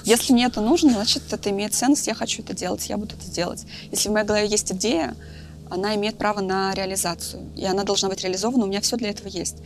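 A woman's voice: medium pitch, very fast, a little hiss or hum. A woman in her thirties talking candidly in a casual podcast conversation, thinking aloud with lots of fillers. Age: 30s. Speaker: guest, film director.

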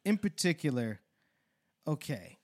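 A man with a fairly high voice talks emphatically and with a wry edge as a co-host in a discussion. When he presses an argument, his words come faster and faster. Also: big pitch swings, a little mellow. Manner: emphatic and wry, speeds up when making a point. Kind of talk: conversational discussion.

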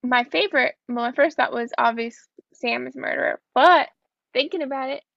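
A woman's voice: high-pitched, normal speed, vocal fry, dry recording, lo-fi sound. A woman co-hosting a casual book discussion, chatty and swearing, acting out quotes. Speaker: book podcast co-host.

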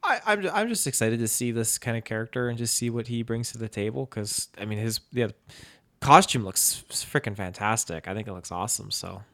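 A man's voice: mid-range voice, expressive, brisk, a bit bright. A man in a casual group chat, talking eagerly and swearing casually.

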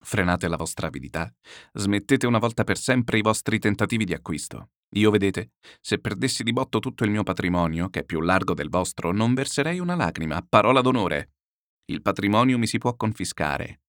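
A man voicing a calm, pious older man who admonishes gently, slow and grave. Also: lowish voice, dry recording, studio quality. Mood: grave gentle. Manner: slow, grave, quietly reproachful.

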